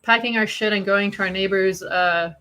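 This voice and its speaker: Woman in her 40s from Iran, bright clear voice, candid chatty podcast host. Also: mid-range voice, steady tone, moderate pace. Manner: chatty, swears freely, laughs through dark memories. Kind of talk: candid casual conversation.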